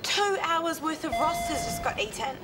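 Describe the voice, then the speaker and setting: A woman's voice: high voice, expressive, normal speed, over loud music. An actress in her twenties playing a flustered, self-critical nurse in a TV soap. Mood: panicked. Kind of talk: television soap opera dialogue. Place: indoor clinic nurses' desk. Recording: noisy ambient TV soundtrack.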